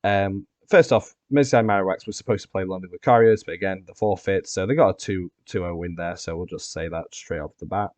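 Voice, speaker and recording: Low-voiced man hosting a casual recap. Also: a little fast, hardly any pauses, a little mellow, no echo. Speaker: podcast host and competitive player. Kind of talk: casual recap and predictions chat.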